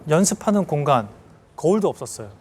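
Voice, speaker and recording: Animated man telling stories on stage. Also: on the high side, fast talker, a little hiss or hum. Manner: animated, acts out scenes with sound effects. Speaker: celebrity lecturer. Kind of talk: storytelling lecture to an audience.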